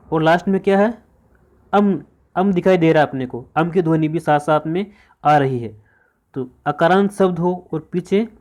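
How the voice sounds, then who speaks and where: A man's voice: high voice, darkish tone, muffled recording. A man teaching an exam-prep grammar lesson, repeating each point and answering his own questions.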